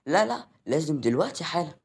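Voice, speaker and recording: ممثل يؤدي شابة ماكرة ولحوحة بلهجة مصرية. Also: male voice, fairly high pitch, sing-song, quick pace. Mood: pushy. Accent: Egyptian. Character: scheming young woman, pushy and sly.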